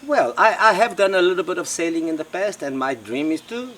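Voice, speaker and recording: A man's voice: high-pitched, lively intonation, brisk, a bit bright, slight background noise. A middle-aged man from South Africa with a South African accent, telling his life story in a rambling way, repeating words and using many fillers. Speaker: interviewee, local host. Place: outdoors by a river in the Amazon.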